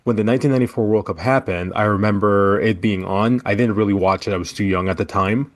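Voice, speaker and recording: Man from El Salvador, guest author, low voice, measured storytelling, interview. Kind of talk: podcast interview answers.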